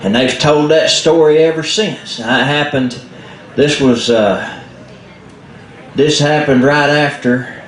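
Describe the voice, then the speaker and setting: A man with a Southern Appalachian accent telling folk tales in a casual, unscripted, folksy way with dramatic pauses. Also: a little high. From southern Appalachia, United States. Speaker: storyteller. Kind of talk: casual oral folk storytelling. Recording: echoey room with background noise.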